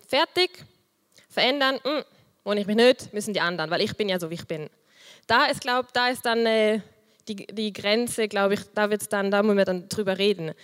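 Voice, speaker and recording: A woman, leading a group and giving a personal sermon, her voice soft and quiet, lively and warm with small laughs, speaking into a handheld microphone. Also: medium pitch, big-room sound. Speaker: youth group leader giving a talk.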